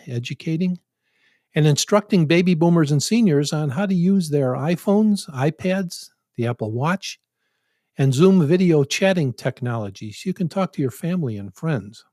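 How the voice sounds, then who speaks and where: A man's voice: on the high side, animated, normal speed, darkish tone, dry recording, clean studio sound. A man in his seventies hosting a podcast, talking in a folksy, joking, conversational way. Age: 70s. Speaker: podcast host. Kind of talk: casual podcast introduction with jokes.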